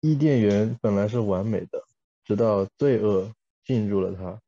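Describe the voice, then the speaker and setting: Dark-voiced man as a live interpreter. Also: fairly low pitch, normal speed, no room sound, lo-fi sound. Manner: interpreting sentence by sentence, with small self-corrections.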